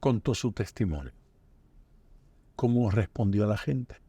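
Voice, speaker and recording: A man's voice: fairly low pitch, expressive, a little slow, dark tone, husky, no echo. A man hosting a podcast, asking the guest short questions and adding brief remarks in casual conversation. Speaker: podcast host. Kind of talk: casual interview chat.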